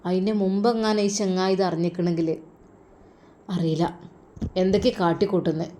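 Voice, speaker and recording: A woman voicing an older man who frankly advises a worried father, talking low and confidingly in a Malabar accent. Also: fairly even intonation, a little fast, mellow, slight background noise, lightly acted. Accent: Malabar Malayalam.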